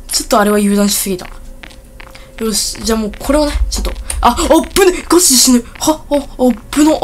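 A woman hosting a casual gameplay video, rambling and excitable with blunt, rough speech, talking a little thickly from a bitten tongue. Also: on the high side, slight background noise. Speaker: gaming video host.

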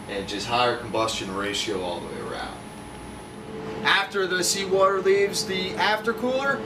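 A man who works as a marine mechanic talks through a repair in a plain, hands-on way. He is recorded in an echoey engine room, away from the mic, with a steady hum of machinery behind him. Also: medium pitch, distant mic. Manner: plain-spoken, hands-on walkthrough. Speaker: marine mechanic showing his work. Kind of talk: casual how-to explanation. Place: yacht engine room, indoors.

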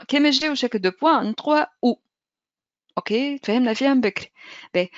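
A woman's voice: a little high, no echo, dull audio. A woman with a Tunisian accent teaching German pronunciation in an online lesson, often checking in with her students.

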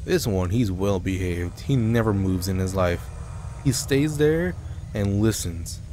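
A man's voice: on the low side, animated, a little slow, dark tone, a little hiss or hum. A young man hosting a gaming channel, joking around and talking back to the game and its characters as he plays. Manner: jokey, talks to the game and its characters. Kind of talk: casual gameplay commentary.

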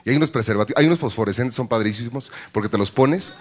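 Brash Mexican man doing stand-up. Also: quick pace. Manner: brash, bawdy, jumps into shrill high-pitched voices for punchlines. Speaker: stand-up comedian. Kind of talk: stand-up comedy routine. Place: comedy club stage. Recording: live stage with audience crowd and noise.

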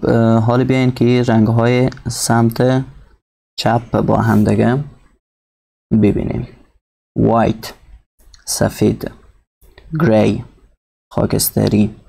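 Casting note: male teacher, dark and steady tone, slow textbook reading followed by translation. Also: lowish voice, creaky. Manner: explains each word slowly, reads English lines very slowly then translates. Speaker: English teacher. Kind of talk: recorded textbook lesson.

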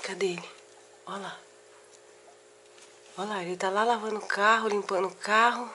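Chatty Brazilian mom vlogger. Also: female voice, mid-range voice, steady tone, normal speed, sharp tone, slight background noise. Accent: Brazilian Portuguese. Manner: chatty, teasing, talks straight to viewers. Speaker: vlogger and mother. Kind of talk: casual talk to camera. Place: at home, indoors.

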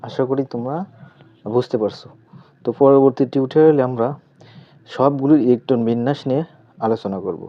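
A man teaching a chemistry lesson step by step with a Bangladeshi Bengali accent, asking questions aloud and answering them himself. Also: mid-range voice. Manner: asks questions aloud then answers, repeats terms slowly. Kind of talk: step-by-step tutorial explanation. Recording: slightly dull lo-fi recording.

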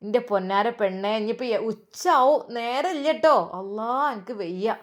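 Woman putting on an elderly mother, fussing, affectionate, fairly high voice. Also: animated, normal speed, close to an everyday voice.

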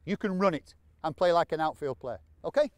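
A man coaching players on an outdoor training pitch, encouraging them and repeating short commands. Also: expressive, brisk, darkish tone, no echo. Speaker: football coach. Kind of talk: on-field coaching instruction.

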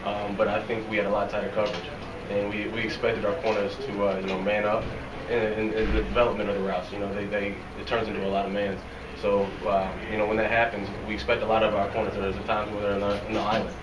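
A young man in his twenties answering reporters after a game, talking quickly and softly with many fillers and restarts. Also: fairly low pitch, level tone. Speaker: football player at a press conference. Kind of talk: post-game press interview. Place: locker room press area, indoors. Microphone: reporters' recorders held close. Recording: roomy, from a distance, noisy.

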